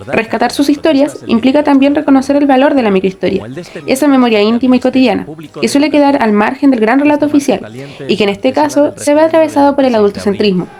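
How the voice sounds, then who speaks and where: A woman's voice: a little high, mellow. A woman giving earnest, scripted documentary narration. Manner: earnest, rhetorical.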